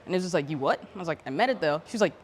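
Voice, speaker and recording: A young Bahamian woman speaks quickly, in an unusually low voice, with a light island accent that comes and goes. She is a guest in a relaxed interview and tells stories in an animated, chatty way. Faint noise sits under her voice. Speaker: guest athlete. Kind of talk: casual interview chat.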